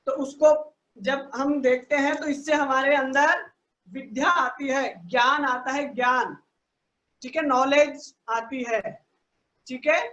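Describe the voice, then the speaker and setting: A woman's voice: sits high, a bit bright, roomy sound, highs cut off. A woman teaching an online class for children, patiently explaining step by step and checking often that the kids follow. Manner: patient, explains slowly, asks "ठीक है ना" again and again. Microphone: online video call.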